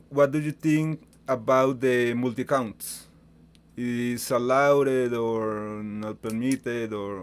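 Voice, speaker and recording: A man speaking as an asks questions over a voice call. He talks slowly and haltingly, stopping often to search for words. His voice is smooth and clear, with medium pitch. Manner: hesitant, halting, many fillers and restarts. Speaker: interviewer asking questions. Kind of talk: casual voice-chat Q&A. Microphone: computer mic on voice call.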